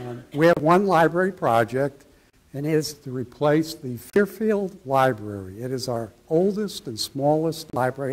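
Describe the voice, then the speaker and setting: A middle-aged man with a fairly high-pitched voice presents a library project at a town hall meeting. Holding a handheld mic in a meeting room, he explains the plans and takes audience questions.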